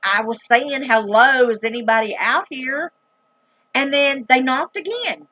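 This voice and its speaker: Telling her viewers a story, a middle-aged woman from the rural US speaks with a Southern accent in a casual, dramatic, emphatic, plain-spoken folksy style. Her voice sits high, bright and forceful, at a measured pace. There's no echo, but the highs are cut off.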